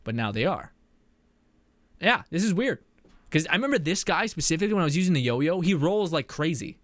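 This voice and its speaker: On a dry recording, a young man with a slightly high, very animated voice talks fairly quickly as he streams a game. It's casual live commentary full of laughter and chat messages read aloud, and at moments he's breathless.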